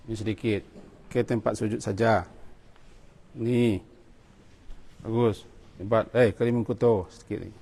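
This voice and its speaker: A man's voice: mid-range voice, fairly bright tone. A man, teaching students how to pray in a mosque, giving short commands and coaxing them along. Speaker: religious teacher. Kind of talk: hands-on prayer lesson for students. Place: mosque prayer hall. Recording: long mosque hall reverb.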